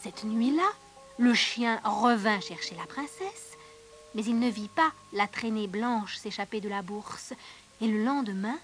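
A woman narrating a fairy tale in an expressive storybook manner, dropping to hushed tones and rising for drama. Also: mid-range voice, a little slow, faint music behind.

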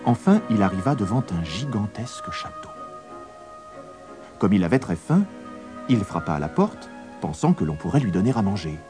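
A man narrating a fairy tale as a storybook reading, with a very expressive, swooping delivery. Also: on the low side, normal speed, over music.

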